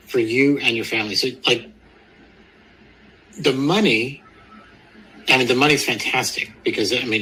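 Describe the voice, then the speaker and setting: A man's voice: medium pitch, pushed and bright, slight background noise, rough recording. A man hosting a motivational webinar, talking emphatically and repeating phrases for weight. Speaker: webinar host.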